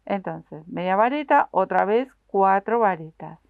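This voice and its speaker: A woman walks viewers through a crochet pattern stitch by stitch, patient and full of little diminutives. Her voice has a gravelly fry to it. The sound is dry and thin, like it came through a phone. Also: mid-range voice, expressive, a little slow, no echo, narrow, tinny audio. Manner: patient, explains each stitch while working; uses many diminutives, addresses viewers directly. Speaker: crochet instructor. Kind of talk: step-by-step craft tutorial.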